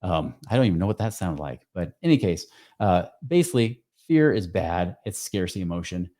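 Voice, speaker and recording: A man giving a casual, energetic money-coaching talk, emphatic and full of rhetorical questions. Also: low voice, fairly quick. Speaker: financial coach. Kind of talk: casual teaching talk to camera.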